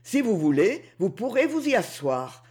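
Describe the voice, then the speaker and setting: A woman's voice: medium pitch, big pitch swings, normal speed, darkish tone, lightly acted. A woman voicing a coaxing, boastful underworld king. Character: underworld king, smooth-talking and possessive. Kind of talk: audiobook character reading.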